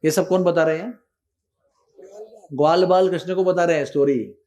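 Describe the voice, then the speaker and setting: A man telling a devotional story in a sermon, animated and switching between Hindi and English. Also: fairly high pitch, moderate pace. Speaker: spiritual teacher.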